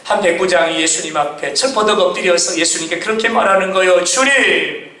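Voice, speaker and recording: A male pastor preaching a sermon, with emphatic repeated refrains, shouted lines and calls for amen. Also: high-pitched, fast. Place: church sanctuary. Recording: echoey church from a distance.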